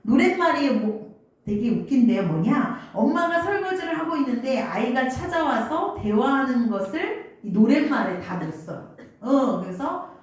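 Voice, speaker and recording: In a church sanctuary, a woman pastor delivers a sermon, telling stories and putting questions to the congregation. Her voice is high-pitched with lively intonation at a normal speed, and the hall is very echoey.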